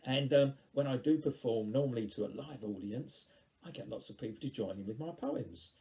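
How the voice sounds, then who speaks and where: A middle-aged man from England performing funny poems for children from his home office, his voice jumping up high and loud in the verses. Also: normal speed. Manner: animated, pitch leaps up in recited verse. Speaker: children's poet. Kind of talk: lively poetry performance for children.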